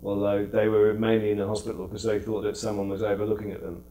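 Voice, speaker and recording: A middle-aged British comedian chatting as an interview guest, telling stories with quick acted-out asides. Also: male voice, lowish voice, level tone, dark tone, soft background music. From United Kingdom. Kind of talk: casual interview anecdotes.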